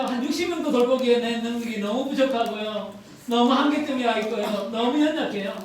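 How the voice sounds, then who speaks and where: A man's voice: very high voice, a little hiss or hum. A male pastor preaching a sermon in a chatty way, often asking the congregation rhetorical questions. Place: church sanctuary. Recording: very echoey hall, voice from a distant mic.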